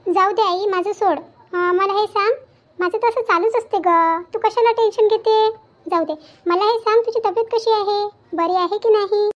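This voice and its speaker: A woman voicing a troubled young married daughter in a cartoon. She talks in a hesitant, pleading way with halting restarts. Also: very high voice, steady tone. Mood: tearful. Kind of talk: Marathi cartoon voice acting. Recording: dull lo-fi with faint background music.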